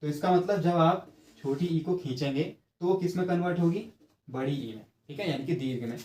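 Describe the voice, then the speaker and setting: A man's voice: on the high side, normal speed, warm tone. A man giving an exam-prep grammar lesson, explaining step by step, checking in with his students and stretching sounds out to demonstrate them. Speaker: teacher. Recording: echoey room.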